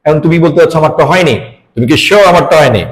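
Man, Bangladeshi accent, English teacher, playful lesson, slightly high voice, mixes English and Bengali. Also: very fast, rough recording. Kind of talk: playful classroom lesson with a student.

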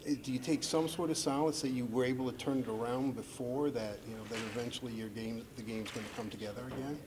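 A man, a reporter, asking a player a polite, measured question. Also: medium pitch, steady tone, a crowd in the background. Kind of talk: press question.

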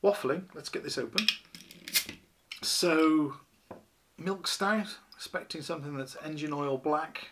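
A man in his fifties talks to camera from a small living room while he reviews a beer. He rambles, fills pauses with ums and you-knows, and pokes fun at himself. He is seated at a table, a short distance from the camera. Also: fairly high pitch, a bit bright, slight background noise. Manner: chatty, rambling, self-deprecating, many ums and you-knows.

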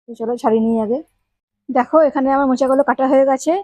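A woman's voice: high-pitched, fairly even intonation, rapid-fire, mellow, no echo, poor audio. A woman hosting a home cooking channel, chatting to viewers as she explains each step of a recipe. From Bengal. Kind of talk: casual cooking demonstration.

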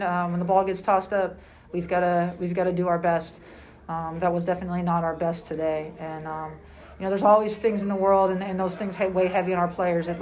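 A woman in her forties, a basketball head coach answering questions at a postgame press conference, speaking in a measured, halting way with many fillers. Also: lowish voice, a little mellow. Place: small room indoors at a table.

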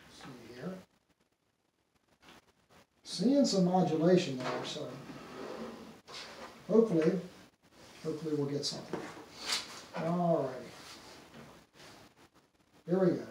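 A man's voice: fairly high pitch, expressive, slow, pauses often. Echoey middle-aged man, casually demonstrating. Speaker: phonograph demonstrator. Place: small indoor room full of antique phonographs. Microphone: distant camera microphone. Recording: very echoey room, distant mic, faint noise.

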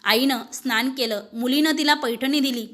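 A woman's voice: high voice, normal speed, fairly bright tone. A woman with a Marathi accent narrating a devotional folk tale, reading the characters' lines expressively. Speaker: storyteller.

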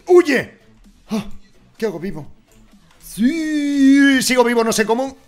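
A young man from giving casual, excitable gameplay commentary, swearing and swinging from mutters to shouts. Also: very high voice, unhurried, soft background music. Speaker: gaming YouTuber.

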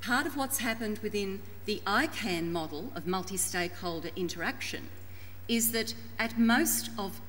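A woman's voice: mid-range voice, normal speed, a bit bright. Formal Australian woman presenting in an echoey hall. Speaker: panel presenter introducing and restating a colleague's talk. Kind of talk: public panel presentation. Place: large conference room. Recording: echoey hall with background noise.

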